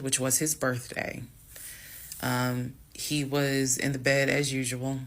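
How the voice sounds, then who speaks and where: A woman with a gravelly, fry-edged voice tells her own story straight to her viewers. She keeps it calm and matter-of-fact, blunt and candid, with casual swearing mixed in. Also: very deep voice. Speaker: storytime vlogger.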